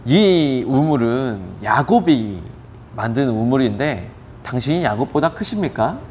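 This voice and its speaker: A man voicing a sharp-tongued Samaritan woman at a well, retorting with mocking disbelief. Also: mid-range voice, lively intonation, unhurried, a little hiss or hum, lightly acted. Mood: sarcastic.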